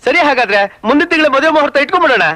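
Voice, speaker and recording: A man's voice: extremely high pitch, animated, rapid-fire, pushed and bright, no echo, heavily acted. An actor playing a shrewd businessman and father who talks persuasively, in a film scene. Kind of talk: film dialogue.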